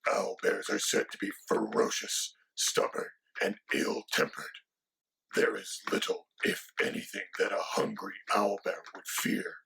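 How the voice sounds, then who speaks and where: A man voicing a menacing, haughty male dragon who co-hosts the show, speaking in a gravelly, rasping half-whisper with a sinister, theatrical manner. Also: on the low side, wildly swooping pitch, unhurried, pushed and bright, slight background noise, full character voice, low-quality recording. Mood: instructive. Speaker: co-host.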